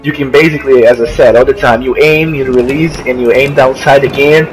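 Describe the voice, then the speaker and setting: A man's voice: mid-range voice, fairly even intonation, soft background music. A young man from Brazil with a Brazilian Portuguese accent, a non-native English speaker who halts and restarts while commenting on his gameplay. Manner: halting, searching for words, many restarts. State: coughing from allergy. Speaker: gamer. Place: friend's house while traveling. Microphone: makeshift mic, not his usual. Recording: noisy, poor-quality home recording.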